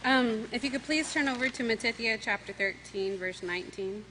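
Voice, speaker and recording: A woman's voice: a little high, normal speed, pushed and bright, slight background noise, low-quality recording. A woman addressing a church congregation formally as she opens her speech. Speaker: congregation speaker. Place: church hall.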